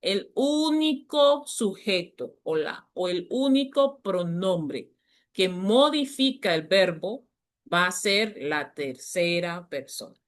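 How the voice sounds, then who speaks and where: A woman teacher explaining grammar to a class, patiently repeating key points and slowing down to stress them. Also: on the low side, animated. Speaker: English teacher.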